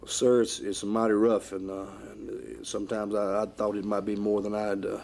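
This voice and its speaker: Male wrestler guest, low, flat delivery, halting with lots of repeated words. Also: gravelly, a little hiss or hum. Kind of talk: interview answers.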